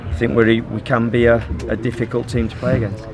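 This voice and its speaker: Out on the pitch with the crowd still noisy behind, a middle-aged football manager handles post-match questions. His delivery is measured, even and level, sprinkled with frequent fillers, and it's recorded on a handheld phone held by the interviewer.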